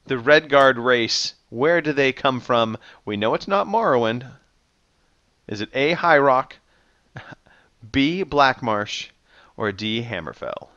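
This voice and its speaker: A man's voice: medium pitch, lively intonation, slow pace, bright, forceful tone, no room sound, highs cut off. A man hosting a casual gaming podcast, running a quiz in a playful, teasing way.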